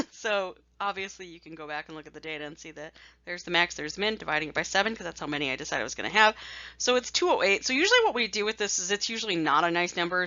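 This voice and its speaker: Woman instructor, chatty slide lecture, self-mocking asides, lowish bright voice, dry dull lo-fi recording. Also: no room sound. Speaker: statistics instructor.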